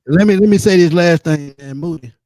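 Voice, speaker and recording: A man co-hosting a casual sports talk stream over a video call, out of breath and halting, stumbling over his words. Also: on the high side, mellow, dry recording, clean studio sound. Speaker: podcast co-host.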